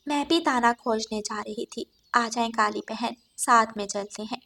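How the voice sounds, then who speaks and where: A kind-hearted sparrow from a cartoon, speaking softly and reassuringly in a high, light voice, as a woman puts her on. She is calm and caring. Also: unhurried, creaky, exaggerated voice. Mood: gentle. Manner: soft, soothing, reassuring. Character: kind, gentle female sparrow.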